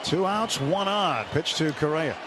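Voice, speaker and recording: With lively intonation and a pitch on the high side, a man calls a baseball game a little slowly for live radio from a stadium booth. His commentary is colorful and folksy, and the loud, roaring ballpark crowd is heard throughout.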